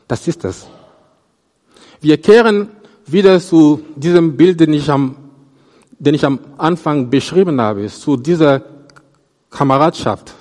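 A man preaches a sermon in a slow, deliberate delivery. He often stammers and restarts words, lifting his voice on quoted verses and letting it fall at each phrase's end. His fairly high voice carries a long reverb, as from a large hall. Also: darkish tone. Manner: halting, with repeated restarts and stammers; voice rises on quoted verses and drops at phrase ends. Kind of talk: sermon on a Bible passage.

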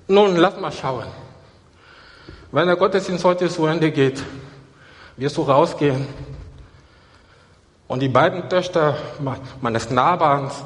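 Emphatic preacher with a ringing hall echo. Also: male voice, on the high side. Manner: emphatic, repeats key phrases. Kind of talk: sermon. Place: church.

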